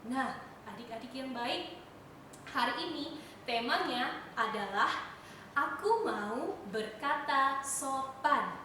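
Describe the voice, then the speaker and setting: Young woman Sunday school teacher, high bright voice, slow and animated, echoey room far from the mic. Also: a little hiss or hum. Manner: animated, sing-song storytelling to children. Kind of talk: children's sermon.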